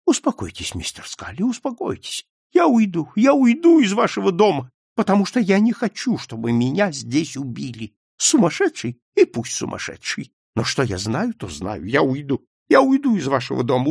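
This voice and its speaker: A man voicing a terrified foreign traveller in a spoken story, pleading and crying out in a high, cracking voice. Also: huge pitch swings, moderate pace, gravelly, hardly any pauses, husky, dry recording, clean studio sound, exaggerated voice. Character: frightened foreign man, panicky and shrill.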